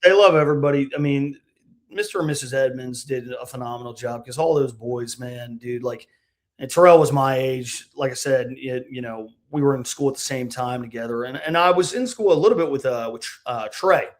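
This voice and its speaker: A young man co-hosting a sports podcast, telling stories in a casual, animated way and saying "dude" often. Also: medium pitch, brisk. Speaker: podcast co-host. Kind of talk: casual chat.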